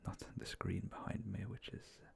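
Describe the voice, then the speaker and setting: A man whispering hesitantly and softly in a casual, rambling ASMR style, with a breathy, creaky voice close to the microphone. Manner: slow, hesitant, mindful, self-effacing. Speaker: ASMR video maker. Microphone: close ASMR microphone with fluffy cover.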